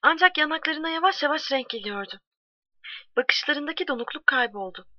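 A woman narrating a story in a steady, measured reading voice. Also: high-pitched, dry recording. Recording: dull, dry, lo-fi recording.

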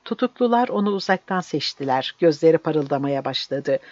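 A narrator giving a steady, measured audiobook reading. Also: medium pitch, no echo. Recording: dull dry recording.

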